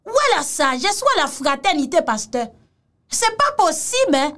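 Woman, mocking reaction commentator; high, very animated delivery. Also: normal speed. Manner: mocking and exclamatory, repeats phrases, mixes in Creole. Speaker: commentator reacting to a video clip.

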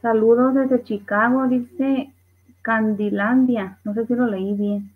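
Lady on a live, reads comments out loud, bit high voice, phone-ish audio. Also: fairly even intonation, slow. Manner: reads viewer comments aloud with laughs. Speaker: livestream host. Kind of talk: casual live chat reading comments. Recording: tinny phone-like livestream audio.

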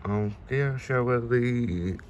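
A man's voice: medium pitch, measured pace, darkish tone, highs cut off. A man giving a chatty, plain-spoken tour of his allotment and then his indoor plants, filming on a handheld phone. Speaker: allotment vlogger. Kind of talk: casual walk-through commentary. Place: windy allotment outdoors, then a room at home. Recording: outdoor wind noise, then indoors.

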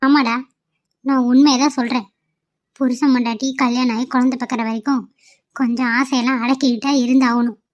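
A woman's voice: sits high, flat delivery, brisk. A woman voicing the characters in a cartoon drama, talking with emotion and pleading. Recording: muffled lo-fi audio.

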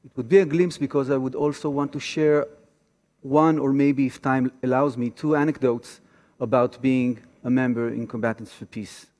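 Speaking from the stage of a large, echoing theater auditorium, an Israeli activist from Tel Aviv gives a casual lecture full of personal anecdotes as a guest lecturer. His delivery is halting, his voice medium in pitch, darkish, and fairly even in intonation.

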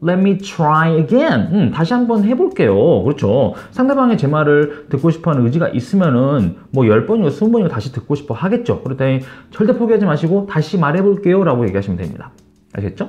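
Man, Korean native, English lesson, fairly high voice, lo-fi sound. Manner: lively, coaching, repeats English phrases slowly. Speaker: English teacher.

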